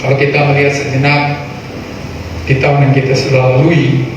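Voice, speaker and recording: A man's voice: mid-range voice, completely flat delivery, moderate pace. A man preaching a sermon and reading scripture, speaking through a face mask. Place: large indoor room with congregation. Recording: very echoey room, distant mic, noisy.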